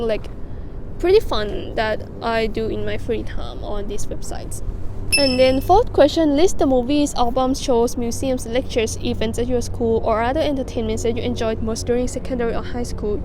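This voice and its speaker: A woman's voice: on the high side, moderate pace, a little mellow, slight background noise, low-quality recording. A young woman from Thailand with a Thai accent, a student vlogger reading her essays aloud and explaining them casually, with many "like" fillers. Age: young adult.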